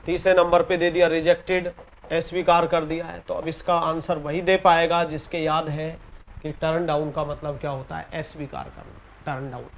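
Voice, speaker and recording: A man with an Indian English accent teaching an exam-prep grammar lesson in Hindi. He reads the English example sentences slowly and deliberately and often repeats key words. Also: fairly high pitch, level tone, gravelly, a little hiss or hum. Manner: repeats key words and ends points with "theek hai".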